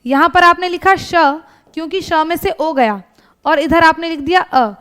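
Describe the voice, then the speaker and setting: A woman with a high voice teaches an exam-prep grammar lesson. She has a North Indian Hindi accent. She works through each example step by step and keeps asking her students rhetorical questions. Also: normal speed, fairly bright tone. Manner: often adds checking tags like "thik hai" and "hai na".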